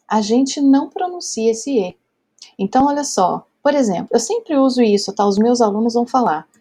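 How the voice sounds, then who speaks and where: A woman's voice: mid-range voice, mellow, slightly rough. A Brazilian woman teaching French grammar step by step, patient, checking in often with her students. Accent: Brazilian Portuguese. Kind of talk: whiteboard grammar lesson.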